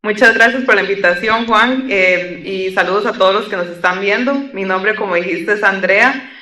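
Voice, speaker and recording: A young adult woman from Costa Rica with a Costa Rican accent, an airline pilot telling her story in a relaxed, reflective way with many fillers. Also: medium pitch, moderate pace. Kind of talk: conversational storytelling interview. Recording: roomy echo, distant from the mic.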